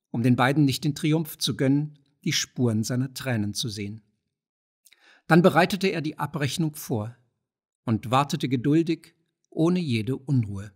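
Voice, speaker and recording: Husky man narrating a classic novel. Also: a little high. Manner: measured, dramatic, slows on key words. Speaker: audiobook narrator. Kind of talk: scripted literary narration.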